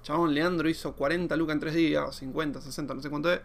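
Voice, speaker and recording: An Argentine man talks through a casual podcast monologue at a rapid clip. His voice sits a bit high for a man and has a gravelly, fried edge. He keeps it slangy and animated and acts out what other people say. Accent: Argentine Spanish. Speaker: podcast host and YouTuber.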